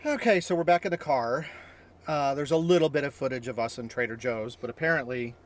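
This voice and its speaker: A man vlogs casually to the camera from a car and a store, sounding upbeat and explanatory. He speaks briskly in a mid-range voice.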